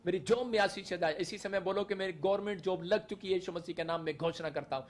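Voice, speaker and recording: A man's voice: high voice, fast talker. A male pastor leading a fervent prayer sermon, calling out short repeated declarations for the congregation to say after him. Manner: leads the audience in repeated call-and-response declarations.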